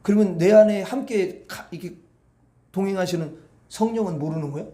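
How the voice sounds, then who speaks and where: A man's voice: high-pitched, a little fast, warm tone, echoey room. A man pastor preaching at an evening prayer meeting, talking to the congregation in a colloquial, conversational way and often asking them rhetorical questions.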